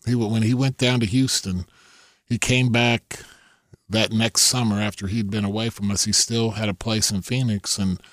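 A man's voice: lowish voice, fairly even intonation, normal speed, a bit bright, no room sound. Rambling storytelling man, dry sound. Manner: rambling, many restarts, laughs often, acts out quotes. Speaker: guest telling stories. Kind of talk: casual storytelling chat.

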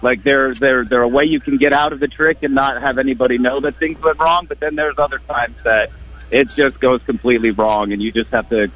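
A man from Wisconsin answers radio interview questions about his craft. He sounds earnest and eager, at a middle pitch, and often backs up to restart his sentences. The broadcast sound is a little muffled. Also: steady tone, brisk, no room sound. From Wisconsin, United States. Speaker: magician guest.

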